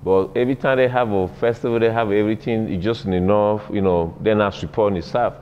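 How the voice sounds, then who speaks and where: A young adult man, a business owner, talking informally and haltingly about starting a festival, seated in a community center room. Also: on the low side, fairly even intonation, smooth. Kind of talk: casual talk. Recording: dull echoey hall recording.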